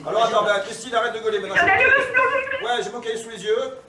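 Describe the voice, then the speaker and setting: An actor playing a harried man arguing on the phone, exasperated and breaking into shouts, in a stage farce. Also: very high-pitched, huge pitch swings, fairly quick, very noisy, heavily acted. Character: harried middle-aged man bickering on phone. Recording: roomy stage sound from far off, loud audience.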